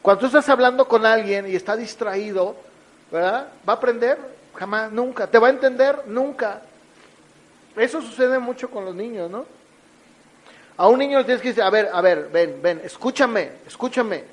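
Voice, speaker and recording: A man's voice: high voice, moderate pace, rough recording. A man preaching a sermon, teaching through everyday examples and rhetorical questions, and acting out little scenes as he goes. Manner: lively, acts out little scenes with shifting voice.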